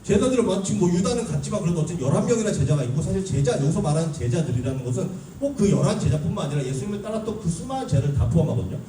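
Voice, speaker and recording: A young man preaching a sermon to a youth group, talking in an animated way and putting questions to his listeners. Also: high voice, rapid-fire, few pauses. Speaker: youth pastor. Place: church hall. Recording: echoey room, mic at a distance, faint hum.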